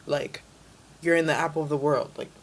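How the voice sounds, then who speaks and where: A woman's voice: low-pitched, fairly even intonation, brisk, a little hiss or hum. Chatty young woman guest. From Dominican Republic, raised in New York City. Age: young adult. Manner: chatty, many "like" fillers. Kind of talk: casual interview chat.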